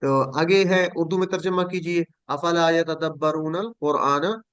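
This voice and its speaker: Man, high voice, patient teacher, slow repeated drills, dry close sound, video call. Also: a bit bright, smooth, no echo. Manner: patient, repeats word forms slowly and corrects students. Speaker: Quran Arabic teacher. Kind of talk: online class drilling verb tables.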